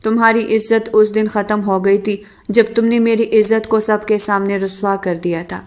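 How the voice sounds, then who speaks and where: A hurt young wife, bitter and accusing toward the man who betrayed her, voiced by a woman reading a romance audiobook. Her voice sits at a medium pitch. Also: flat delivery, natural voice.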